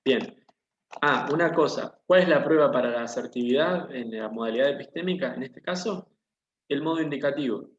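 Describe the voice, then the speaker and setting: Patient teacher in echoey room. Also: male voice, mid-range voice, normal speed, slight background noise. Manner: patient, explanatory, asks the class questions. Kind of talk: online class lesson. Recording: dull, echoey room audio.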